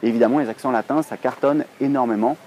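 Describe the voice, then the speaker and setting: A French man in his thirties, an online English teacher and blogger from France, talks casually to camera in a mid-range voice with a darkish tone. He speaks fast, chatty and rambling, with many hesitations.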